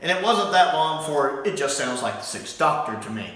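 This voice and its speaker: A man's voice: a little high, sing-song, moderate pace, pushed and bright. Man reviewing in an echoey room. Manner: rambling, thinking aloud with frequent restarts. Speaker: audio drama reviewer. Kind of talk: casual spoken review. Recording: echoey room, far from mic.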